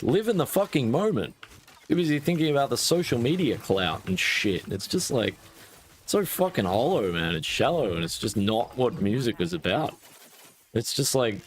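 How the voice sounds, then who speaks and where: A man's voice: medium pitch, a little hiss or hum. A man ranting casually and profanely while streaming a game. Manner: profane, animated ranting with rising outbursts. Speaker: gaming streamer.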